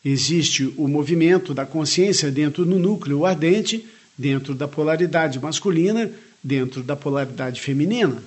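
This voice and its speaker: Brief: male spiritual teacher, husky and a bit high, reads a lecture earnestly with asides. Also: darkish tone. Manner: measured, earnest reading with short spoken asides. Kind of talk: reading a spiritual lecture aloud with comments.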